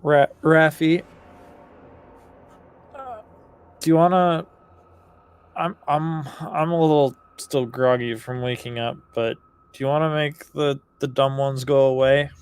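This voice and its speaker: A man's voice: on the high side, steady tone, takes it slowly, pauses often, smooth. A man role-playing casually in character as a player in a tabletop game.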